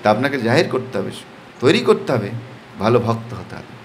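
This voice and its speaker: A man's voice: mid-range voice, sing-song, brisk, slight background noise. A man giving a devotional sermon with a Bengali accent, asking rhetorical questions and answering them himself with emphatic "yes", at times leading the crowd in chanting. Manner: leads crowd in call-and-response chanting. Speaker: preacher.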